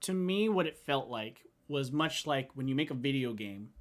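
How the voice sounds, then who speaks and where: A man's voice: medium pitch, animated, normal speed. A man co-hosting a casual movie review chat who talks conversationally and builds his points through comparisons. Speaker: co-host.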